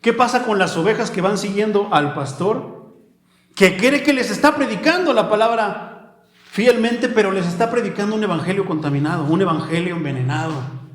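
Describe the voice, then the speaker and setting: A man preaching a sermon, calling listeners "my brother" and slowing down to read scripture. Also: high-pitched, expressive. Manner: addresses listeners as "mi hermano", slows for scripture. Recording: echoey room.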